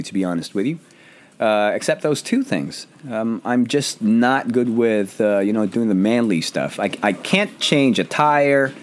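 A man hosting a relaxed home podcast, his voice hoarse and roughened as he jokes about himself. His pitch swings widely and freely as he rambles from one thought to the next. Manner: jokey, rambling, self-deprecating. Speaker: podcast host. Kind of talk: casual chat.

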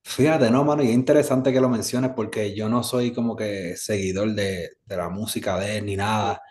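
A man's voice: on the low side, fairly even intonation, moderate pace, a little mellow. A man from Puerto Rico with a Puerto Rican accent, a musician guest talking in an easygoing, rambling way. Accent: Puerto Rican Spanish. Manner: easygoing, rambling, with many fillers. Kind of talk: casual interview.

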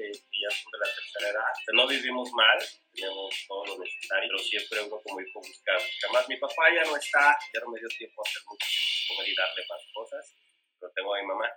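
A man's voice: on the low side, low-quality recording. A Mexican man co-hosting a casual chat over coffee, speaking earnestly and reflectively. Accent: Mexican Spanish. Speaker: co-host.

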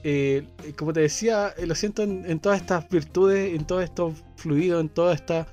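A man's voice: fairly high pitch, brisk, darkish tone, soft background music. A man with a Chilean accent, co-hosting a casual radio chat and talking with many fillers and restarts. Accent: Chilean Spanish. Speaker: co-host.

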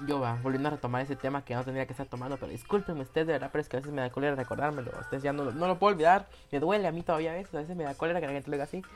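A man's voice: on the high side, fairly even intonation, rapid-fire, hardly any pauses, faint music behind. A flamboyant young man with a Guatemalan Spanish accent tells a casual story straight to his viewers. He swears freely and keeps tagging his sentences with "va.". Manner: flamboyant, self-described effeminate. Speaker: vlogger telling a personal story.

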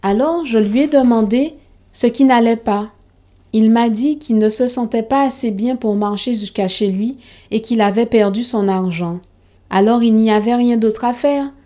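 A woman's voice: fairly high pitch, moderate pace, mellow, natural voice. A woman voicing a young schoolboy who is kind and earnest, in a storybook reading.

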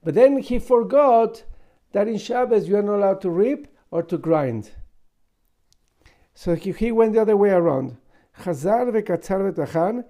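Male Talmud teacher, high voice, soft-edged dark tone, informal step-by-step explaining, rhetorical questions. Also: lively intonation, moderate pace. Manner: didactic, with rhetorical questions and asides.

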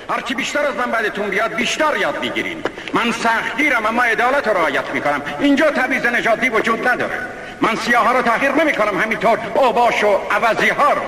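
A man's voice: high voice, bright, forceful tone, exaggerated voice. An actor dubbing a harsh male drill sergeant who barks contemptuous orders at recruits. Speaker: military drill instructor. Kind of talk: dubbed film scene. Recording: echoey hall with faint background noise.

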